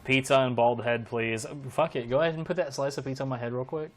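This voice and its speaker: A man's voice: mid-range voice, fairly even intonation, fast talker. Man streamer bantering and swearing. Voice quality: swears freely, dry joking banter. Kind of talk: casual live-stream chat while gaming.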